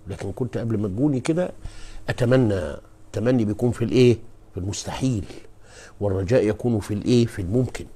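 A man with an Egyptian Arabic accent giving a live-streamed religious lecture as a preacher and scholar. He speaks emphatically, moves between quiet asides and loud stressed words, and often addresses his listeners directly. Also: lowish voice, husky.

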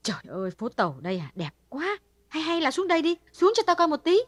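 A woman's voice: high voice, big pitch swings, fast talker, dry recording. A woman voicing a blunt, outspoken older sister figure in an audiobook. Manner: blunt, calls friend "mày", self "tao". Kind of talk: audiobook dialogue reading.

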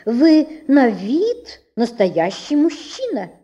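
A woman's voice: sits high, very animated, slow, warm tone, dull audio, pitched above the performer's own voice, full character voice. A woman doing a prim, touchy garter. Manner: prim, indignant.

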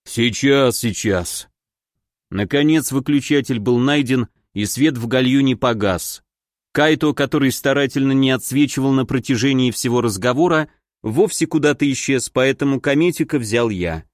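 A man reading a first-person audiobook in a steady, expressive storytelling manner. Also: mid-range voice, normal speed, dry recording, clean studio sound. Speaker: audiobook narrator.

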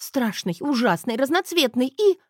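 A woman playing a jumpy young wife in an audiobook who swings between wailing complaints and indignant outbursts. The voice leaps up and down, whiny and high, and it is recorded close and dry. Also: sing-song, normal speed, no room sound. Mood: frightened. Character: young wife, frightened, whiny and quick-tempered. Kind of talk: audiobook character voice.

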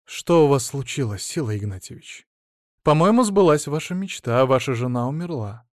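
A man reading an audiobook, voicing a cold, defensive female psychotherapist who talks in a sharp, hissing, scolding way. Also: mid-range voice, lively intonation, normal speed, no echo, studio quality, lightly acted. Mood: cool.

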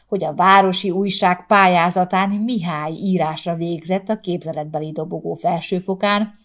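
Brief: female narrator, lowish voice, calm measured storybook reading. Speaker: audiobook narrator. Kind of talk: scripted narration.

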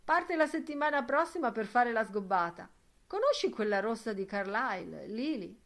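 A woman's voice: a little high, very animated, normal speed, gravelly, fairly bright tone, voice pushed up, full character voice. A woman reading an audiobook voices a chatty young man trading gossip. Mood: gossipy.

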